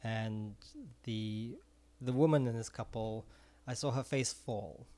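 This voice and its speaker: Speaking slowly with a steady tone, this man has a slightly mellow mid-range voice. He's a middle-aged Israeli, an ex-music teacher now selling ice cream, talking earnestly in a casual interview and frequently repeating words as he finds his phrasing.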